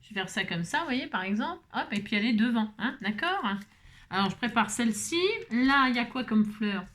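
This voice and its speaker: Woman, casual craft tutorial chat, humming to herself, higher-pitched. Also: animated, fairly quick, fairly bright tone, slight background noise. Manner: chatty, hums and sings little tunes while working.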